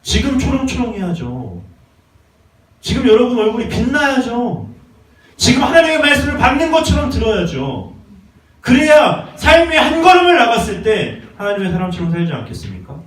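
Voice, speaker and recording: A male pastor preaches with fervor, his high voice leaping up into shouts and dropping to hushed appeals. He is picked up from a distance in a reverberant church, with faint noise underneath. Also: wildly swooping pitch, normal speed. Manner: impassioned, swings from shouting to hushed pleading. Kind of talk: sermon. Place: church sanctuary. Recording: echoey church from far off.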